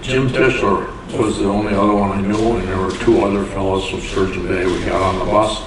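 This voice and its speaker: An older man from Door County, Wisconsin, is an interview guest in a community hall, telling plainspoken stories in an unhurried way and chuckling at his own tales. His voice is on the low side, steady and brisk. He's far from the mic, so the hall sounds echoey, distant and noisy.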